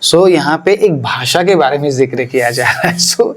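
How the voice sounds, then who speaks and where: A man's voice: fairly high pitch, animated, normal speed, fairly bright tone. A man, a pastor, explaining his teaching earnestly in a podcast, slipping English phrases into his talk and repeating words for emphasis.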